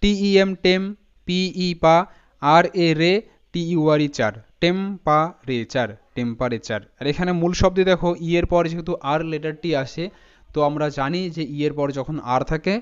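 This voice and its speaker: A male English teacher, giving a spoken lesson and slowly spelling out words letter by letter and syllable by syllable. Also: on the high side, expressive, clear, resonant tone. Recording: dull lo-fi sound.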